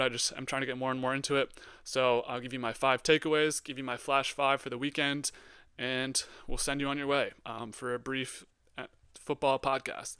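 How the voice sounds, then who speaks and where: A young man hosting a solo sports podcast, giving blunt hot takes with lots of ums and getting excitable. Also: mid-range voice, smooth, no room sound. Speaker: podcast host.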